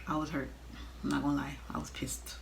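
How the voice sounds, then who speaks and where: A young woman telling a casual, animated storytime rant, blunt and exasperated, swearing freely as she talks straight to viewers. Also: deep voice, a little fast, gravelly, heavy background noise. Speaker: storytime vlogger.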